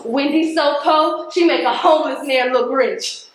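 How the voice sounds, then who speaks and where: An actress on a theatre stage plays a defiant, embittered working-class postal carrier from the projects, speaking emphatically, confrontationally and colloquially with a hurt, bitter mood. Her voice sits high and unhurried. The very echoey stage recording carries a little hiss or hum.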